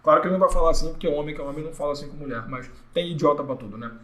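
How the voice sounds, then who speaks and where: A man's voice: a little high, very fast, fairly bright tone, echoey room, rough recording. A man with a Brazilian Portuguese accent teaching an informal exam-prep law lesson, chatty and joking, often acting out the people he quotes.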